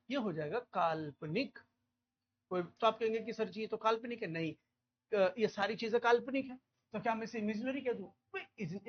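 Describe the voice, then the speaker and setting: A man from India teaching a vocabulary lecture, repeating key words and checking understanding with quick questions. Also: high voice, muffled recording.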